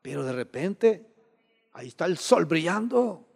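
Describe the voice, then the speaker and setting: A male preacher with a high, very expressive voice that climbs and falls as he delivers a sermon. He stumbles over and repeats words and keeps asking the congregation rhetorical questions. His voice rings with the long echo of a big hall. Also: unhurried, gravelly.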